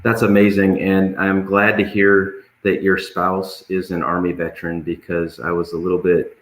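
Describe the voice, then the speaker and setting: Low-voiced man hosting in a roomy space. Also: flat delivery, moderate pace, fairly bright tone, slight background noise. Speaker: host. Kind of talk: casual live-stream hosting. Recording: roomy, echoing sound.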